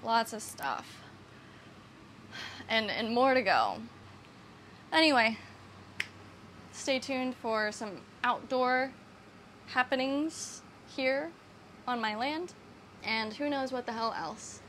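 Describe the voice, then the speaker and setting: A woman's voice: a little high, lively intonation, slow, pauses often, a bit bright, a little hiss or hum. A young woman vlogging casually about her new camper, rambling, self-mocking and swearing off-handedly. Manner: chatty, self-deprecating, swears casually, laughs often. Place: camper trailer and outdoor land.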